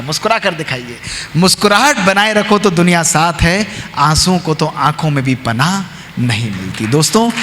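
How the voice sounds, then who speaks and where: A man's voice: a little high, pushed and bright. A man giving an emphatic inspirational speech with storytelling, repeating lines of verse and addressing his listeners as friends. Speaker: motivational spiritual speaker. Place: school hall. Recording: reverberant hall with faint hiss.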